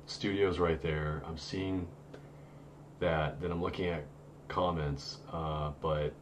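A man in his thirties with a deep, low voice chats on a live stream from his home studio. He talks slowly and rambles, piling up fillers and false starts. A faint hum of room noise sits under him. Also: steady tone. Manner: rambling, many fillers and restarts. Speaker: host of a paranormal live stream. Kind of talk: casual live-stream chat.

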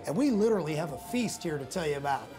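A man's voice: a little high, very animated, quick pace, over music. Upbeat TV field reporter, young man. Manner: upbeat, confronting. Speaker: restaurant reporter. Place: outdoors on location and in a restaurant.

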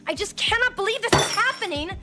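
A woman's voice: very high-pitched, animated, fast. An actress playing an anxious, emotional woman in her thirties who pleads and vents at her partner, in a film clip. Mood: upset. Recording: film clip with music underneath.

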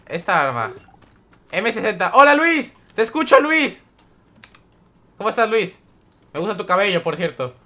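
Chatty high-voiced young streamer man. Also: big pitch swings, moderate pace, long pauses, bright, forceful tone. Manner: chatty, greets viewers by name, reads chat aloud. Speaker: gaming streamer. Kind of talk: live game stream commentary.

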